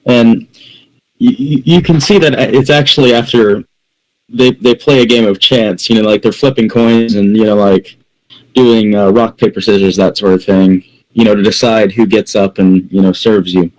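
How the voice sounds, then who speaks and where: A man's voice: lowish voice, steady tone, normal speed, darkish tone, poor audio. A man narrating a tabletop game as game master, rambling with lots of restarts. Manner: rambling, many fillers and restarts.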